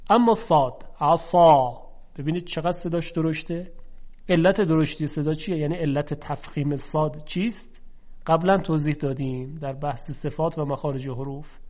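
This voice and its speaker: A man's voice: fairly high pitch, a little mellow. Man teaching recitation in a dull recording. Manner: deliberate, demonstrates sounds by contrasting them slowly. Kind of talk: instructional lesson.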